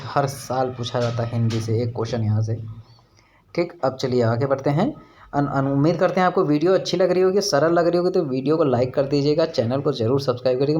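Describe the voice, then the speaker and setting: A man teaches a grammar lesson for exam students, speaking at a middle pitch and sounding out each syllable slowly before explaining it. He checks in with his listeners again and again. A faint background noise comes from the rented room he records in. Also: darkish tone. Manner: explains slowly, demonstrates sounds, repeats "thik na". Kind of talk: online exam-prep lesson. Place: rented room with children shouting nearby.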